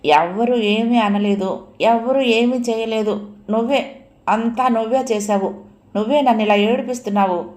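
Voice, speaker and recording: A woman's voice: mid-range voice, fairly even intonation, normal speed, close to an everyday voice. A woman voicing a tearful, proud young woman. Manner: tearful, pleading then bitter. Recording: echoey room, faint hiss.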